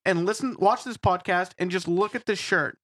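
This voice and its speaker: A man co-hosting a casual gaming podcast with friends, quick to laugh and swear. His voice sits high and sounds bright and forward. He talks in loose, joking banter. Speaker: podcast co-host.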